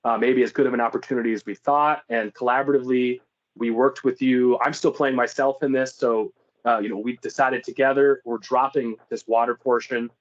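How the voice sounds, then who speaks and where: A man's voice: medium pitch, steady tone, brisk, dull audio. A man giving an informal business presentation in an explanatory, conversational way.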